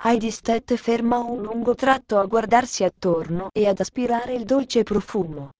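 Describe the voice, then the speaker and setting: A woman narrating a storybook with steady, measured reading. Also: fairly high pitch, dry recording.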